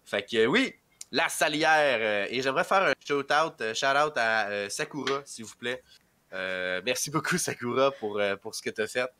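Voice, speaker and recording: The voice belongs to a young man from rural Quebec: medium in pitch, animated, sharp in tone, at a moderate pace. His head cold leaves him stuffy, and with a Québécois French accent he chats casually as a podcast guest, rambling hesitantly through many fillers.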